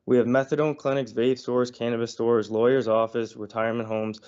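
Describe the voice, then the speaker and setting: A man's voice: medium pitch, little pitch movement, fairly quick, a little mellow, clear, resonant tone. Earnest man under the weather, lo-fi. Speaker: property owner presenting to council. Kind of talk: prepared statement read to a committee. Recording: dull lo-fi online audio.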